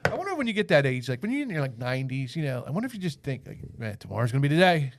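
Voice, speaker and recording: A man's voice: medium pitch, big pitch swings, very fast, noisy background. A man in his forties co-hosting a podcast, chatting casually with a rambling, profane manner. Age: 40s. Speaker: podcast co-host. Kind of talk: casual chat.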